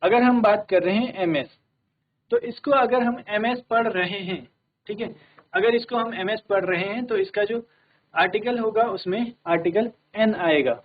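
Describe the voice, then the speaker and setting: A male English teacher, giving a classroom grammar lesson in a steady manner and often checking that everyone follows. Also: sits high, moderate pace. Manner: steady, repeats "ठीक है" to check understanding. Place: broadcast studio classroom. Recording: tinny phone-like audio.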